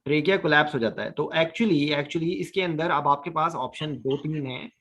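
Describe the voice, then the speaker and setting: A man's voice: fairly high pitch, normal speed, a bit bright. Man teaching anesthesia, quizzing students. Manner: questions students, mixes English terms into Urdu. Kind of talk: interactive online lesson.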